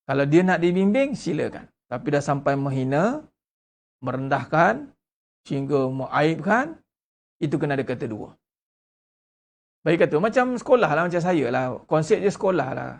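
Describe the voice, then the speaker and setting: A man's voice: normal speed, vocal fry, pauses often. A man with a Malaysian Malay accent gives a religious lecture as a religious teacher, speaking emphatically and asking rhetorical questions. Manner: emphatic, rhetorical questions, lively swings in pitch.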